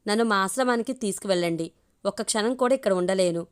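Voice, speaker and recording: A woman's voice: mid-range voice, quick pace, clear, resonant tone, close to an everyday voice. A woman voicing a young orphan woman in a storybook reading, urgent and upset. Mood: distressed. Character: young orphan woman, shy then distressed.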